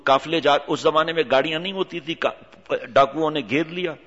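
A male preacher giving an animated sermon full of rhetorical questions and scolding, in a reverberant hall on a dull lo-fi recording. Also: a little high.

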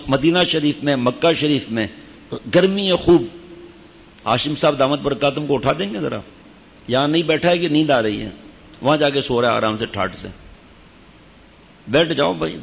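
A sheikh addresses his disciples at a Sufi lodge gathering, giving a casual religious talk in a conversational manner and stopping now and then for asides to those listening. His mid-range voice has vocal fry and a slightly rough texture. The hall recording sounds dull and echoey.

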